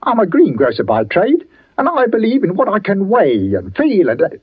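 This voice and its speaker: An actor playing a superstitious working-class village greengrocer, deferential and folksy, in 1940s radio drama. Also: male voice, sits high, wildly swooping pitch, moderate pace, slightly rough, full character voice. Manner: folksy, deferential, dropped grammar. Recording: dull old radio broadcast.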